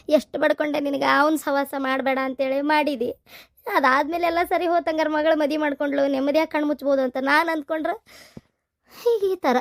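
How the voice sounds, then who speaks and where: A woman's voice: high voice, no room sound, clean studio sound. A woman voicing a worried older mother in a cartoon, lamenting and soothing in a North Karnataka Kannada accent.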